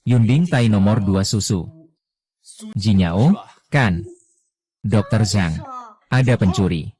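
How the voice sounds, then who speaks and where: A man reading all the parts of a dubbed drama in a flat, unhurried way. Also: on the low side.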